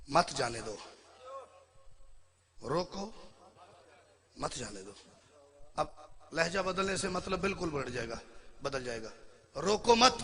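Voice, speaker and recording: A man with a Punjabi accent leading a religious mourning gathering, swinging between soft asides and loud shouted verse. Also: high voice. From Pakistan. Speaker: zakir reciting at a mourning gathering. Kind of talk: religious poetry recitation and address.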